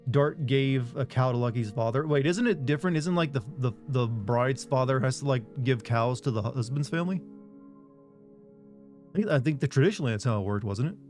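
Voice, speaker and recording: With a somewhat dark, mid-range voice, this game streamer speaks fairly quickly and expressively. He's just a regular guy reading viewer messages aloud in a casual live chat, rambling and poking fun at himself over a faint music bed.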